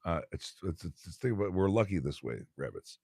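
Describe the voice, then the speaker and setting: A man's voice: sits low, expressive, brisk, creaky, darkish tone, husky, dry recording, clean studio sound, full character voice. Man doing a smug, offhand rabbit. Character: smug casual male rabbit in a joke.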